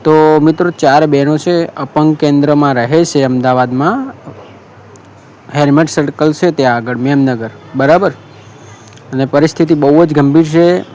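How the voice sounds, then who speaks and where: A man's voice: fairly high pitch, steady tone, normal speed, darkish tone, slight background noise. A man with a Gujarati accent, hosting a marriage bureau appeal, telling a story in an earnest, repetitive way and quoting the people who called him. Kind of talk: casual monologue appeal.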